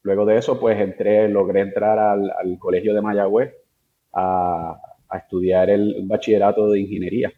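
An engineer in networks and security from Puerto Rico speaks as an interview guest, his fairly low voice flat, at normal speed, and phone-quality. With a Puerto Rican accent, he explains technical things informally, hesitating and mixing in English tech terms.

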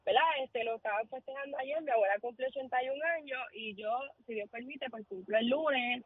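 A woman's voice: high-pitched, fairly quick, slightly rough, no echo. A Puerto Rican woman around thirty, calling into a radio show and chatting cheerfully. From Puerto Rico. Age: 30s. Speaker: caller. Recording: phone line.

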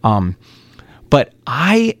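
A man, a recording engineer and producer, chatting as an interview guest and telling excited, rambling stories. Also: mid-range voice, extremely slow, creaky, dry recording. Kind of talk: casual interview chat.

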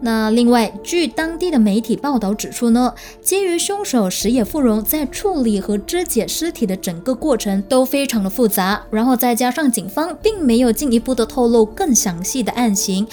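Woman, true crime host, suspenseful storytelling, higher-pitched voice, addresses the listener, music underneath. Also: expressive, moderate pace, hardly any pauses, mellow.

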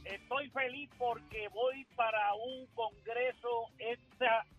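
Slow devout man calling in by phone. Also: very high-pitched, faint music behind. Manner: calm, devout. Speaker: caller. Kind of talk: call-in chat. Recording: dull phone line.

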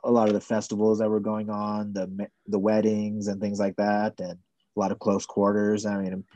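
Mellow, flat-voiced man talking as a guest. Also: on the low side, no echo, dull audio. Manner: soft-spoken, hedging, measured. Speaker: podcast guest, writer. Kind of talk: casual conversational interview.

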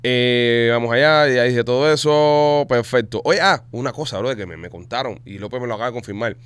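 A man hosting a podcast, telling stories in quick, animated casual chat full of slang. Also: medium pitch, clear, resonant tone, dry recording. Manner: rapid, animated storytelling with Spanish slang. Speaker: podcast host.

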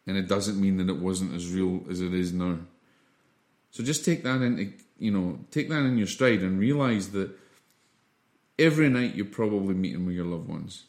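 Low-voiced man giving an informal spiritual lesson. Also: normal speed, a little mellow. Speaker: spiritual teacher.

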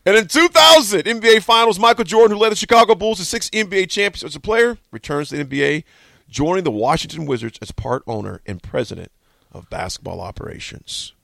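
A man's voice: sits high, animated, fast, gravelly, fairly bright tone, dry recording, clean studio sound. A man in his forties hosting a sports radio show, talking casually and rambling with many fillers. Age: 40s. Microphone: studio microphone.

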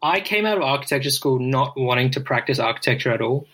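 A man, speaking in a halting, reflective way as a guest in a casual podcast interview. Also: mid-range voice, animated, a bit bright. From Brisbane, Australia. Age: 20s.

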